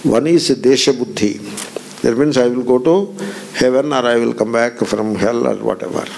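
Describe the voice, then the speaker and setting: A man's voice: mid-range voice, normal speed, gravelly, darkish tone. A man giving a spiritual discourse, emphatic, repeating phrases and putting pointed questions to his listeners. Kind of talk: Vedanta discourse.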